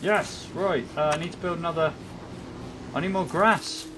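A man giving jokey let's-play commentary, chatting to his in-game pet and swinging from bragging excitement to comic panic. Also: a little high, moderate pace, noisy background. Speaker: gaming YouTuber.

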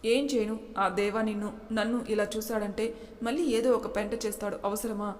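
A woman's voice: medium pitch, level tone, brisk, a little mellow, long reverb tail, slight background noise, close to an everyday voice. A woman voicing a hurt, upset young woman in a read-aloud story.

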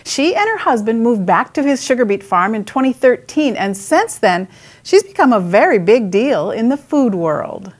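A woman reporter narrating a TV news feature with a clear, even delivery. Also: fairly high pitch, moderate pace.

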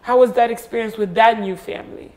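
A woman's voice: on the high side, steady tone, fairly quick, a little mellow. A woman hosting an interview, asking empathetic, probing questions and offering frequent short affirmations. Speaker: host.

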